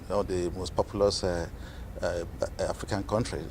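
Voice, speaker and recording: A low-voiced man from Nigeria, a guest in a TV interview, speaks in a measured way with frequent fillers. A faint background noise is present. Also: flat delivery, gravelly. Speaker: guest, organization president.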